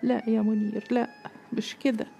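A woman's voice: lowish voice, brisk, creaky, mellow, slight background noise. A woman with an Egyptian accent voicing an earnest seventeen-year-old girl who pleads and reproaches in a storybook reading. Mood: refusing. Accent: Egyptian Arabic.

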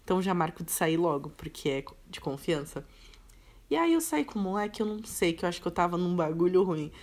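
A young woman co-hosting a podcast speaks fairly quickly in a lowish voice, chatting casually in a relaxed way. She uses slang and jokes at her own expense.

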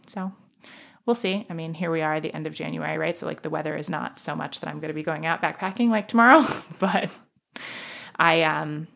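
A woman's voice: low voice, fairly quick, creaky, a bit bright. A woman from Manhattan with an American accent, chatting casually in a bubbly, self-deprecating way, peppering her sentences with "like". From Manhattan, New York. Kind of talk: casual conversational chat.

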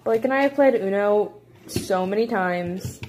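A young woman talks in a relaxed, chatty way at home, walking a child through the rules of a card game. Her voice sits at an ordinary, mid-range pitch. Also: a little slow, a little hiss or hum. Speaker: channel host playing a card game with a child. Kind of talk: casual chat. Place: home, indoors.

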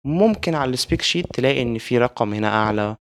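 An Egyptian man talks tech casually, dropping English words and phrases all through his Arabic. His delivery is rapid, in a mid-pitched voice. The sound is close and dry. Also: animated, no echo.

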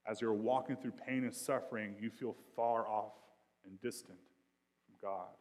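A male pastor preaching a sermon in a conversational style, with slang and quick asides, moving between quiet reflection and loud, intense passages. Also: fairly low pitch, steady tone, long reverb tail.

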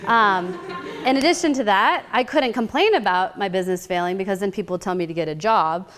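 A woman in her thirties giving an energetic, candid teaching talk about her own hard years, laughing at herself. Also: medium pitch, fairly quick, soft background music. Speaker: guest speaker.

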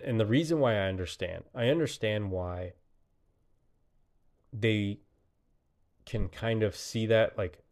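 A man's voice: fairly low pitch, a little mellow. A man giving a casual, emphatic monologue, laughing often as he talks.

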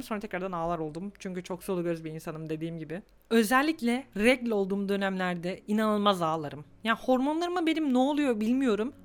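A young woman in her twenties talks alone into her podcast mic, open and confessional, her voice sitting a little high. She sounds close to tears, reflective rather than performed. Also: a bit bright. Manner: candid, confessional and emotional. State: on the verge of tears. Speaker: podcast host. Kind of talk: reflective solo podcast monologue.

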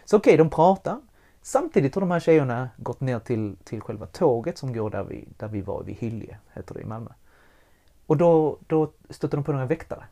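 A man speaking at an ordinary middle pitch, candid and animated as he tells a personal story. He swears freely and carries the conversation. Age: adult with young child.

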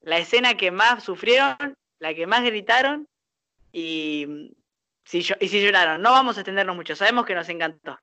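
A man with a Rioplatense accent hosting a casual podcast chat, excitable and steering the talk. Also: high voice, moderate pace, no echo. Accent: Rioplatense Spanish. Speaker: podcast host.

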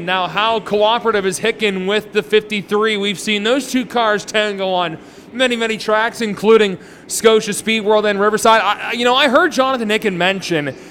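A man commentates live stock car racing in an exclamatory motorsport style. His voice sits high and has a bright, forceful edge. There is light racetrack noise behind him. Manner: exclamatory motorsport calling of the action. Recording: noisy trackside ambience.

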